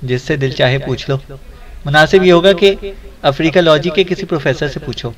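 A man doing a deadpan, teasing agent. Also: on the high side, moderate pace, a crowd in the background, lightly acted.

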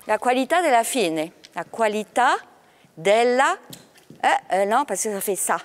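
Lively woman coaching a ballet student. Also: a little high, unhurried. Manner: mixes languages, counts and sings out rhythms. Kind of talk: coaching a dancer in class.

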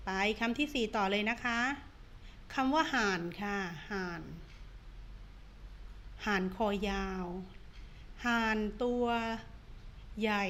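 A woman teacher giving an online reading lesson to young pupils, drawing out each word slowly in a sing-song drill and coaxing them to read along. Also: mid-range voice, a bit bright, a little hiss or hum. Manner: slow, drawn-out, sing-song drilling of words. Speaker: primary school teacher.

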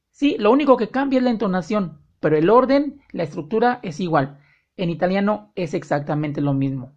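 A woman's voice: on the low side, darkish tone, muffled recording. Woman teaching a language lesson. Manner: slow, drawn-out example sentences, friendly direct address. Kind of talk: online lesson explaining grammar.

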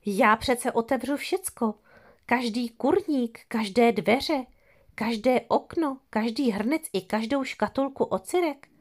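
A woman's voice: fairly high pitch, pitched above the performer's own voice, lightly acted. A woman voicing a sly, greedy female fox in an audio fairy tale, grumbling indignantly under her breath.

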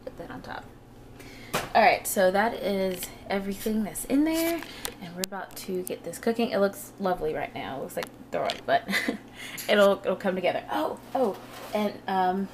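Holding a camera at home, a woman narrates a vlog in a casual, playful chat while she cooks. Her mid-range voice is animated and her pace moderate, and the recording is clear apart from some background noise.

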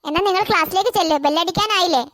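A voice actor doing a gentle cartoon schoolteacher. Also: very high-pitched, very fast, dry recording, clean studio sound. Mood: instructing. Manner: gentle, instructing. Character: kind female schoolteacher. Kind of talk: cartoon voice acting.

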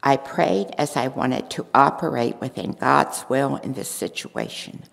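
Reading from a lectern in a large church sanctuary, an older woman voices Queen Esther in a first-person dramatic monologue, steady and earnest from her script, with quiet, resolute conviction. Her low, gravelly voice moves unhurriedly, expressive and heavily acted, and each word lingers in the long reverb of the stand mic's surroundings.

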